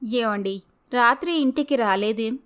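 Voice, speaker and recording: A woman's voice: on the high side, measured pace, fairly bright tone, smooth. A woman voicing a young wife in a storybook, pleading and reproachful with her husband. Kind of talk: storybook voice acting.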